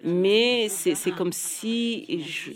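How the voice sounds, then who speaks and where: A woman from Rwanda with a Rwandan accent, a native Kinyarwanda speaker, speaking French softly with a sing-song lilt in a reflective interview. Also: mid-range voice, drawn-out words. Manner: soft, sing-song delivery.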